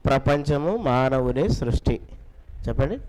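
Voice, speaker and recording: A man teaching a children's Bible class, quizzing the children and urging them to answer loudly. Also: mid-range voice, expressive, measured pace, rough recording. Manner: coaxing, repeats questions, urges children to answer loudly.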